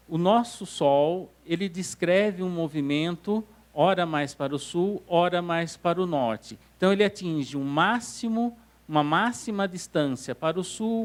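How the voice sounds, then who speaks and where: A man with a Brazilian Portuguese accent teaching an astronomy class in a lecture hall. His voice sits a little high for a man. He explains step by step and keeps checking that the audience is following. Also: lively intonation, unhurried. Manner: explanatory, checks understanding with "tá certo?". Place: council hall lecture room.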